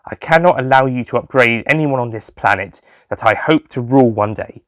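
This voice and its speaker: A man's voice: mid-range voice, a little fast, dry recording, clean studio sound, lightly acted. A man voicing a smug, scheming alien villain with a volatile temper, gloating theatrically in a sci-fi audio story. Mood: smug persuasion.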